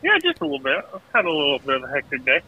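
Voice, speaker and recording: A man's voice: on the high side, wildly swooping pitch, very fast, vocal fry, slightly rough, muffled recording. A young man calling in on his phone while walking around a hospital, upbeat and a bit scattered, laughing often. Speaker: caller. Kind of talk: casual phone chat. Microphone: earbuds on a phone call.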